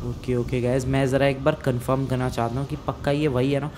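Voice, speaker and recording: A young man doing game role-play commentary, swinging from hushed talk to loud excited shouting. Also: mid-range voice, a little fast, noisy background. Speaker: gaming YouTuber.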